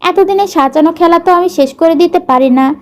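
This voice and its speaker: A woman's voice: very high voice, normal speed, a little mellow. A woman voicing a clingy, scheming young woman, reading a romance story. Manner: clingy, determined.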